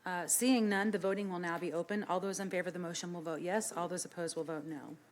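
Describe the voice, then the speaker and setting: Brisk, businesslike woman chairing, lowish voice. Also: steady tone, a little hiss or hum. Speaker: council meeting chair. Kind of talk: formal reading of agenda and procedure. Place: indoor council meeting room.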